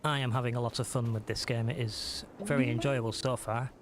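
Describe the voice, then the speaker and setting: A man's voice: medium pitch, fairly even intonation, brisk, slight background noise. A man chatting casually through a live gameplay stream, self-deprecating and talking to his viewers.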